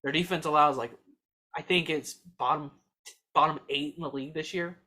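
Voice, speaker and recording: A young man co-hosting a podcast, talking sports in a fast, excitable, emphatic way. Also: a little high. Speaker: podcast co-host. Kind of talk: casual sports chat.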